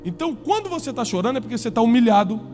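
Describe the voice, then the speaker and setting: Preaching to a live congregation, this pastor has a high, ringing, sing-song voice and a rapid-fire delivery. He's emphatic, alternating loud climaxes with low, quiet stretches, while soft music plays faintly underneath.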